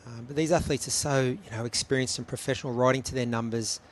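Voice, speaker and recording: A man's voice: mid-range voice, steady tone, fast, a little hiss or hum. A man giving live race commentary, analytical and chatty, with frequent ums between points.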